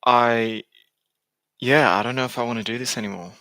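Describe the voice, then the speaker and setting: A man's voice: medium pitch, fairly even intonation, moderate pace, sharp tone, no echo. A man talking casually on a live stream, hesitant and candid, often restarting his sentences.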